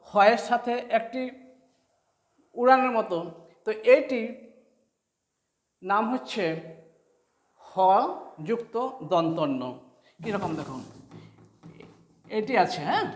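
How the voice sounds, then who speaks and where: A man with a high voice leads a spelling and pronunciation lesson. He speaks slowly and says each sound again and again. The recording has a roomy echo. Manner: slow, repeats each sound several times. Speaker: teacher. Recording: echoey room.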